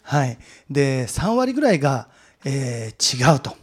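Lively storytelling man giving a talk. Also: medium pitch, unhurried, breathy edge. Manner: lively, chatty, polls the audience with show of hands. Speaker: speaker giving a talk to an audience. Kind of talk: animated storytelling lecture.

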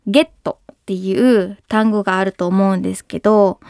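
A woman teaching English pronunciation, speaking clearly and patiently and modeling words slowly. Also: medium pitch, fairly even intonation, darkish tone, no room sound, clean studio sound. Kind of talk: pronunciation lesson.

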